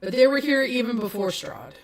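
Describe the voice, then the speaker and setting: A woman narrating as game master of a tabletop horror game, slow and halting with many restarts. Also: a little high, lively intonation.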